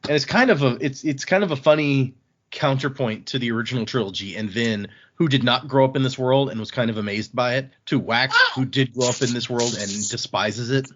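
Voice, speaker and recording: This man recaps a novel for a casual book podcast in a medium-pitched voice, speaking fairly quickly. He tells the story conversationally, loosely doing the characters' lines, with a bit of swearing. The recording is muffled.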